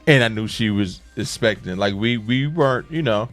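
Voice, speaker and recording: A man's voice: fairly low pitch, moderate pace, soft background music. A man co-hosting a radio show with casual, unfiltered banter and slangy, emphatic talk.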